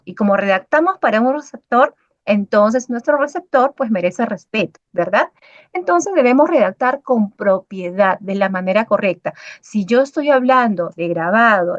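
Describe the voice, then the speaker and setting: A woman's voice: on the high side, no room sound. A woman with a Peruvian Spanish accent teaching a university writing workshop over a video call, repeating key points and checking in with students. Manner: checks in with students constantly, praising chat answers by name; repetitive, emphatic teaching cadence. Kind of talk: online class lecture over video call. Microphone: video call microphone. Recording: dull, dry online-call audio.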